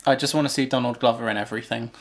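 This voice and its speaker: A man's voice: mid-range voice, fairly even intonation, rapid-fire. A man co-hosting a podcast in casual chat, wry and rambling as he spins a tale. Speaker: podcast co-host.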